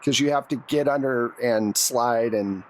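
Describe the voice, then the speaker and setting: A man at medium pitch serves as game master, unhurriedly narrating the action in plain second person and calling for rolls as though just talking with his players in a tabletop roleplaying game. The recording is low quality, with slight background noise.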